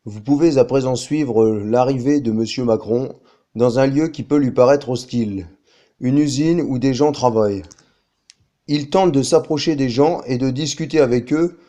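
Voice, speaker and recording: A man's voice: medium pitch, dark tone, lightly acted. A man playing a TV news anchor, presenting a parody bulletin in a tongue-in-cheek way. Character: dry male TV news anchor covering a political visit.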